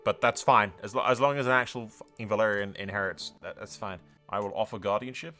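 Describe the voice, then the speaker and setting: Soft music plays behind this man's brisk, sharp, lowish voice. He's a streamer riffing on a strategy game run, spinning the story in role with plenty of crude, playful swearing and casual slang.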